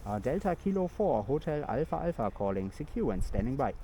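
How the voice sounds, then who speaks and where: A man making a ham radio call from an outdoor park, repeating call signs in a steady rhythm and pausing with fillers between contacts. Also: medium pitch. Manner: rhythmic call-sign chanting with filler pauses. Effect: ham radio call into a transceiver mic. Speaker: radio operator calling from a park. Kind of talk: repetitive ham radio calling. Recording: dull lo-fi sound with loud outdoor noise.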